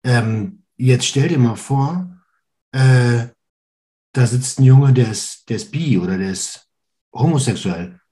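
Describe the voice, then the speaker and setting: A man's voice: medium pitch, animated, takes it slowly, mellow. A man in his thirties hosting a podcast, chatting casually and asking engaged follow-up questions. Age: 30s. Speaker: podcast host. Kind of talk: casual interview.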